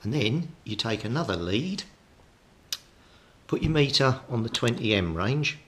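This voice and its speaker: A little slow and expressive, a medium-pitched British man narrates his hands-on electronics repair as a hobbyist host, giving practical step-by-step explanations. A little hiss or hum is audible.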